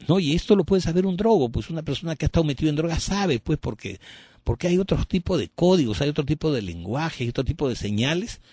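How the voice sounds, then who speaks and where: A man's voice: a little high, lively intonation, fast talker, warm tone, slightly rough, dry recording. A man talking through a story in casual spoken commentary, rambling and digressive, often tagging his sentences with a questioning "no?". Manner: rambling, digressive, many "¿no?" tags.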